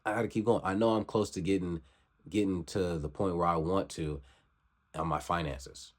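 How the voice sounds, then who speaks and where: A young man in his twenties with a very low voice gives a motivational vlog talk. He preaches in circles and keeps circling back to the same urging lines. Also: steady tone, moderate pace. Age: 20s. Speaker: vlogger.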